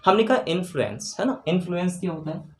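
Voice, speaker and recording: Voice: mid-range voice, lively intonation, fast talker, darkish tone. A grammar teacher giving an exam-prep lecture, spelling out words letter by letter and often checking in with the class. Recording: roomy room with faint background noise.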